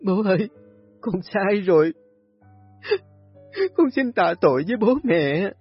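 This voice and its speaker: A man voicing a young woman, a guilt-ridden new mother who speaks softly and pleadingly, in a storybook reading. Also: high voice, expressive, normal speed, pitched above the performer's own voice. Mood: sobbing. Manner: soft, pleading, tearful. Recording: husky voice, dull lo-fi audio, faint music.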